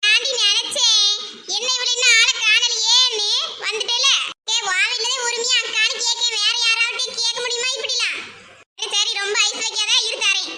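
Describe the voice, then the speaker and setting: A woman with a Tirunelveli Tamil accent, voicing cartoon comedy in a teasing, bickering way. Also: very high-pitched. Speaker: voice actor. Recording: loud background noise.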